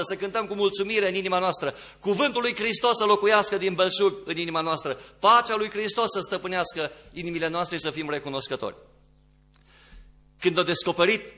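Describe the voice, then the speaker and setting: Bright-voiced preacher with swelling emphasis. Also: male voice. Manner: swings between quiet low passages and rising emphatic ones. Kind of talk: sermon.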